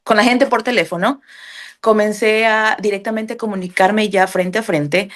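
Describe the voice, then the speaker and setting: A woman in a relaxed interview, telling her own story. She talks in a chatty way, full of hesitant fillers and quick tag questions. She often slips into acting out little bits of remembered dialogue. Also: mid-range voice. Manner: frequent "eh" fillers and "¿verdad?" tags. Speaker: interviewee sharing a testimonial. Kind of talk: casual conversational testimony.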